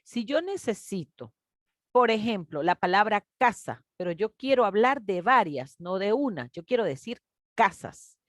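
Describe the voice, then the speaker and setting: A woman teacher, patiently explaining a grade-school grammar lesson and stretching out example words slowly. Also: medium pitch, very animated, no room sound, clean studio sound. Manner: patient, explanatory, addresses children warmly as "mis niños".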